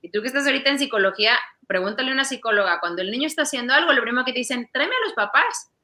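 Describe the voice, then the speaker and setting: Bright-voiced Mexican woman musing on parenting. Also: a little high, lively intonation, rapid-fire. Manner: reflective, often adds "¿sabes?". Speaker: parent sharing advice. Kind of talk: casual conversation.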